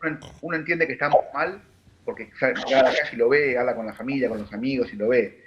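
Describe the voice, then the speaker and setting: A man with a Rioplatense Argentine accent, a political analyst giving measured, analytical answers on a panel, with frequent fillers and restarts. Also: medium pitch, highs cut off, noisy background. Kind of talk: broadcast panel discussion.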